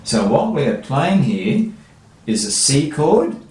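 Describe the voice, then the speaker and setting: Slow, patient male guitar teacher. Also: medium pitch, sing-song, a little mellow. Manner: patient, step-by-step explaining. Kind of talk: children's guitar lesson. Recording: echoey room, faint guitar music.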